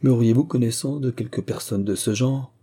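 A man reading an audiobook, voicing a scheming middle-aged mother who is the vicar's wife, eager and coaxing, with a dark, husky voice. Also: medium pitch, brisk.

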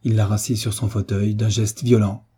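Man narrating an audiobook, steady and measured, husky dark low voice. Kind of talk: scripted narration.

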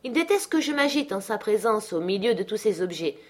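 A woman's voice: medium pitch, sing-song, a little fast. A woman reading aloud, voicing a dutiful but stubborn housekeeper who speaks firmly. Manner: firm and indignant.

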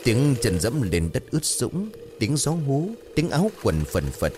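A man narrating a horror story in a dramatic, expressive reading. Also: mid-range voice, unhurried, background noise.

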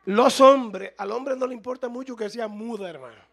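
High, gravelly-voiced preaching man. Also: moderate pace. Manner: preaching, rising to loud emphatic bursts, asks the room. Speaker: pastor. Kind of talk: sermon.

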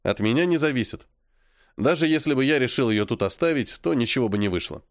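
A man narrates a first-person audiobook with a dry, matter-of-fact delivery. His mid-range voice moves with lively pitch, and the recording is close and dry with no room sound. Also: fairly quick, no echo.

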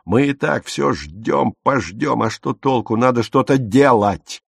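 A man's voice: mid-range voice, unhurried, vocal fry, slightly rough, dry recording, studio quality. A man voicing a hot-headed, defiant young man who snaps impatiently, in an audiobook. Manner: impatient, snapping.

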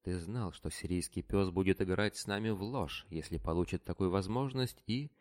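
A man's voice: sits low, moderate pace, a little mellow, close to an everyday voice. A man voicing a raging scheming Venetian. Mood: furious. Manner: barking, furious.

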